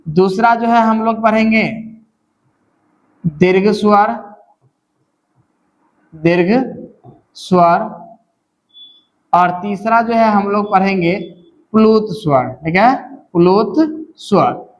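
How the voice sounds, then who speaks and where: Man, high-pitched voice, teacher, slow repetitive lecture, frequent check-ins. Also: lo-fi sound. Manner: repeats key terms slowly, frequent "theek hai" checks. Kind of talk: classroom lecture.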